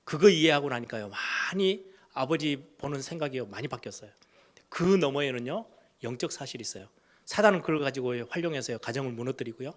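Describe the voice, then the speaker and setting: A middle-aged man, a pastor, preaching a sermon in a storytelling way, swinging between loud emphatic lines and hushed low ones. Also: animated, brisk. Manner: storytelling, acts out quoted voices of kids and parents.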